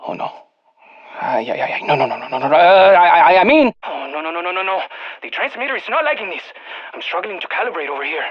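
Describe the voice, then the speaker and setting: This video game field research scientist is played by an actor as an anxious, excitable geek talking over the radio, full of stammers and repeated words. Flustered now, he speaks quickly at medium pitch, his slightly rough voice coming through lo-fi audio.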